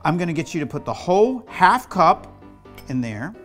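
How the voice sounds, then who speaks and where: A man's voice: fairly high pitch, sing-song, normal speed, fairly bright tone, faint music behind. A middle-aged man hosting a playful kitchen demonstration, giving step-by-step instructions in a teasing, slightly bossy way. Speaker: cooking show host, children's author. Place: home kitchen.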